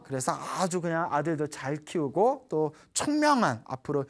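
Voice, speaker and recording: Woman nun telling a story with lively swings. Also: deep voice, moderate pace. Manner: animated storytelling, poses questions to the audience. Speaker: Buddhist nun. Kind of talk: dharma talk to a studio audience.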